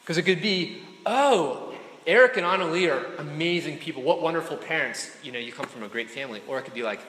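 A man gives a casual, conversational sermon to a room of students, keeps asking "right?" and "okay?" and tosses joking asides to the crowd. His voice is on the high side, fairly bright and lively, a little fast, recorded in an echoey hall with faint ambience and slight background noise.

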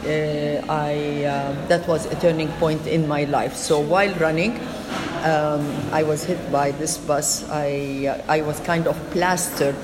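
A middle-aged woman from Lebanon, answering interview questions in a halting way with many fillers and restarts. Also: low voice, steady tone, noisy background. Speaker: interview guest. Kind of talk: conversational interview.

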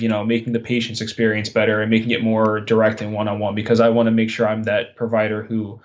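A young adult man from Long Island, New York, speaks casually as a podcast interview guest; he's a recent chiropractic graduate. His voice sits on the lower side, and the audio is dull.

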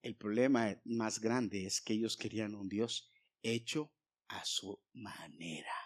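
A male pastor preaching a sermon, swinging from loud emphasis to hushed whispers and speaking straight to the congregation. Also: fairly low pitch, takes it slowly. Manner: addresses the congregation directly, asking for amens.

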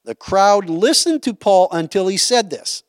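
High-voiced man teaching scripture. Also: expressive, measured pace, no echo, clean studio sound. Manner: conversational, checks in with "right?" and "okay?". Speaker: Bible teacher. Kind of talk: Bible study teaching.

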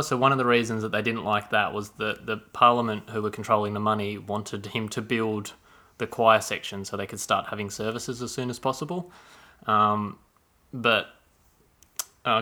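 A man with a low-ish, bright and forceful voice, chatting casually as a podcast host. He rambles, pokes fun at himself and drifts into long explanations. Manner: rambling, self-deprecating, explains history at length. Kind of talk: casual chat.

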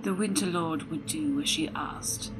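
Woman telling a dark tale softly. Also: low voice, unhurried, low-quality recording. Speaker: storyteller. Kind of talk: scripted narration. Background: music.

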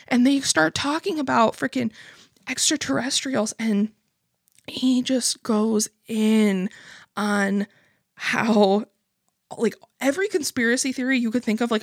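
A podcast host, a young adult woman, swears, laughs a lot and rambles casually while telling a story. She has a fairly high, creaky voice. The sound is dry and studio quality.

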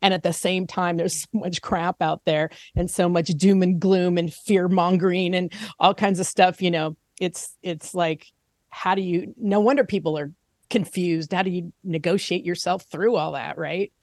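Chatty middle-aged woman with a low voice. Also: fairly even intonation, moderate pace, no room sound, clean studio sound. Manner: warm, laughs easily, chatty. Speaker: guest, singer-songwriter. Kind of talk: casual interview chat.

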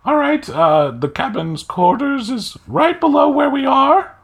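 A man's voice: very high-pitched, big pitch swings, a little slow, creaky, pitched above the performer's own voice, full character voice. A man voicing a tiny, formal fairy woman who commands a ship in a tabletop game. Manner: formal, courteous. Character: tiny prim fairy woman naval commodore.

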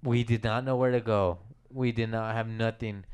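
A man's voice: on the low side, steady tone, normal speed, a little mellow, smooth. A young man in casual chat with friends in a basement, reminiscing in a rambling, sentimental way with lots of swearing. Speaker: storyteller among friends. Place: home basement.

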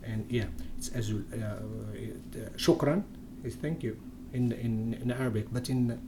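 In a conversational interview held in English, a young Moroccan whose native tongue is Tamazight (Berber) sounds hesitant, with frequent fillers and restarts. He has a medium-pitched voice with fairly even intonation and a measured pace, against a noisy background.

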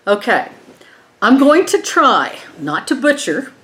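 A woman's voice: fairly high pitch, very animated, slow, fairly bright tone, low-quality recording. A woman with a twangy West Texas accent teaching an informal Bible lesson in a folksy way, often checking in with the group. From eastern New Mexico and West Texas, USA.

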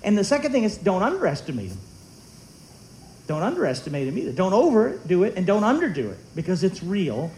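High-voiced man preaching with animated humor. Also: a little fast, slight background noise, low-quality recording. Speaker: pastor. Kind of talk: sermon. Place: church sanctuary.

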